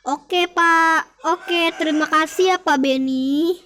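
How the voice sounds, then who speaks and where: A man's voice: extremely high pitch, steady tone, slow, bright, forceful tone, a little hiss or hum, full character voice. Young man doing a stern landlord. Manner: formal and insistent. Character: stern male landlord demanding overdue rent.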